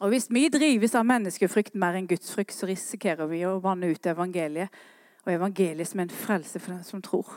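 A woman preaching a sermon, swinging between quiet earnest talk and impassioned rising calls. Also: on the low side, no room sound, clean studio sound.

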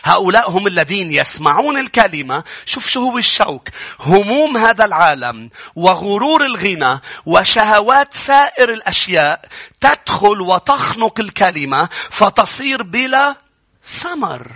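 A man with a Lebanese accent preaching a Bible-school sermon, emphatic, building to loud peaks and then dropping low. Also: big pitch swings, normal speed, husky, no room sound. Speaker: pastor.

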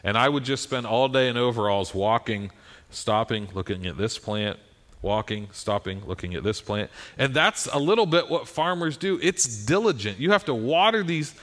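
A man's voice: mid-range voice, lively intonation, normal speed, fairly bright tone. An American man giving a conversational sermon in a folksy, self-deprecating manner, often checking in with his listeners. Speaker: preacher.

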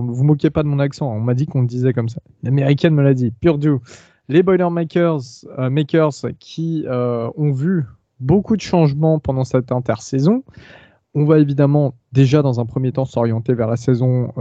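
Mellow-voiced French podcast host. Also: male voice, mid-range voice, moderate pace, no room sound, lo-fi sound. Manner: hesitant, many fillers and restarts. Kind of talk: casual podcast chat.

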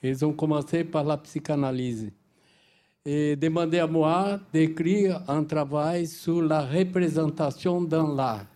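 Older Brazilian man, slow foreign-accented French. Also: fairly high pitch, steady tone, warm tone. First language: Portuguese. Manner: halting, searching for words in non-native French. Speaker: audience member making a comment. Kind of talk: spontaneous spoken remarks at a public discussion.

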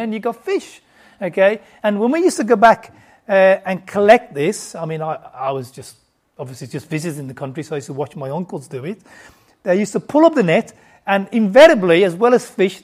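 Her medium-pitched voice is expressive and a little mellow as she moves fairly quickly through a conversational Bible lesson. The woman teaches a group informally, restarting sentences often and asking the listeners questions.

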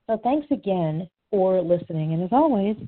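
A woman's voice: medium pitch, animated, moderate pace, noisy background. Chatty woman author on a tinny line. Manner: chatty, rambling, with fillers and restarts. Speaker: author reading her own fiction. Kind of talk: casual podcast chat and story reading. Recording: tinny phone-like sound.

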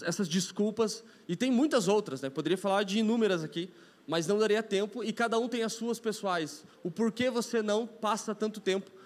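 A Brazilian man preaches in a relaxed, conversational way, stopping to act out what people say and restarting his sentences. His voice sits high for a man. The sound rings with the long reverb of a church hall. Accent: Brazilian Portuguese. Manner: conversational, acts out quoted people; frequent fillers and restarts. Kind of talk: casual sermon.

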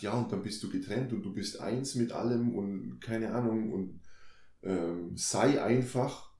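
In a casual, reflective conversation, a man with a fairly low, dark voice explains his ideas through everyday examples and questions he puts to himself. The recording has a roomy echo.

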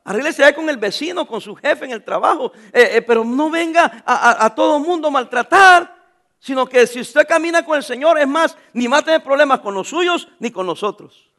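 A middle-aged man preaching a sermon, calling out to the congregation and reading scripture aloud with them. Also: very high-pitched. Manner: animated preaching, calls out to the congregation; reads scripture slowly with the congregation. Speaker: pastor.

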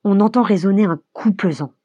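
Husky woman reading a novel aloud. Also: mid-range voice, a little fast, no echo, muffled recording. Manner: vivid, expressive storytelling. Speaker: narrator. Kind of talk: audiobook narration of a novel.

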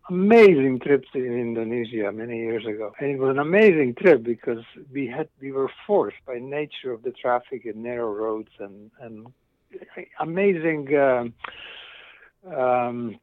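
A middle-aged man from eastern Slovakia, with a Slovak accent, speaks in an expressive mid-range voice at a moderate pace. He's an interview guest and cycling company founder giving casual, reflective answers, enthusiastic and rambling, often cutting himself off. The audio is dry and phone-quality.

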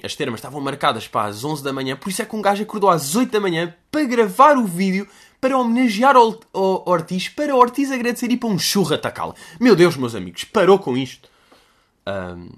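A man in his twenties with a European Portuguese accent, hosting a casual solo podcast in a rambling, slangy, joking way, now and then breaking into loud shouted bits. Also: on the high side. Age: 20s. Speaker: podcast host.

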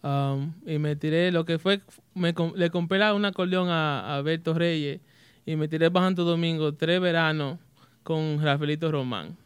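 In a relaxed radio studio interview, a man who is a guest musician answers hesitantly in Spanish, restarting words and borrowing English, his native language. His fairly high voice is clear and resonant with fairly even intonation and normal speed, captured in a dry recording.

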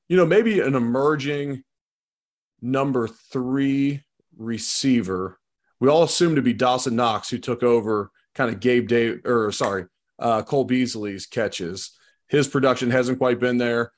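A man giving relaxed, conversational sports commentary as a football analyst, with an informal way of talking. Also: mid-range voice. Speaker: football analyst, show guest.

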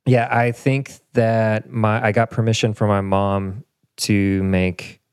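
A man hosts a relaxed podcast conversation, chatty and quick to laugh. His voice sits a little low. The sound is dry and close. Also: clean tone, dry recording. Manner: laughs often, chatty and jokey. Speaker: podcast host. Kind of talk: casual chat.

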